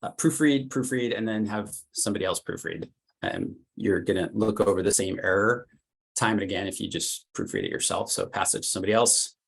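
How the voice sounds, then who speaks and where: A middle-aged man with a low-set voice and a gravelly, fry-edged tone leads a career workshop. He talks casually and loosely, dropping "like" fillers and doubling words as he goes. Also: fairly quick. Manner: chatty, many "like" fillers, repeats words. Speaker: workshop presenter, consultant.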